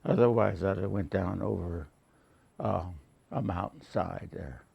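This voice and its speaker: An elderly American man, a war veteran, remembering his service aloud in halting, plainspoken, unscripted recollection. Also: sits low, gravelly, breathy edge, no room sound, lo-fi sound. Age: elderly, late 80s or older.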